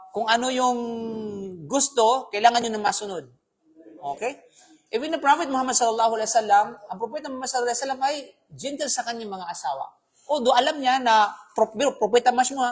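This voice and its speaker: A man's voice: very high voice, breathy edge. A man giving a live Islamic talk as a preacher, speaking conversationally, often checking with the audience and mixing in English phrases. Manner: conversational, keeps asking "di ba?", mixes in English phrases.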